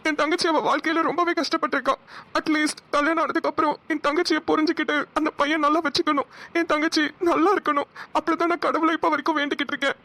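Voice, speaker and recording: A lonely, heavy-hearted young man in a cartoon, played by a woman. The voice sits high and the words come fast. He sounds mournful and worn down. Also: little pitch movement, sharp tone. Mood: sad, lonely. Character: sad lonely young man, caring brother. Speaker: cartoon voice actor. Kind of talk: Tamil cartoon dialogue.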